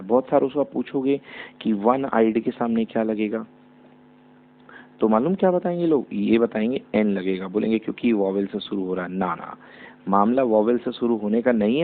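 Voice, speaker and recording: A man's voice: fairly low pitch, moderate pace. A male teacher giving a grammar lesson, asking his pupils questions and then answering them himself. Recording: tinny phone-like audio with hum.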